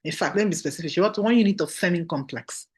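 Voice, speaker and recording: A woman's voice: fairly low pitch, quick pace, darkish tone. A woman with a Nigerian accent giving a motivational training talk, emphatic and repeating key phrases while checking that listeners follow. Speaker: business trainer.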